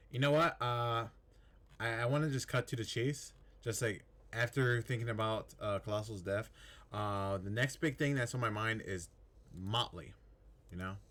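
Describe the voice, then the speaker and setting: A man's voice: on the low side, a bit bright. A man playing a character in a tabletop game, speaking hesitantly with stammers. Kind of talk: casual in-character play.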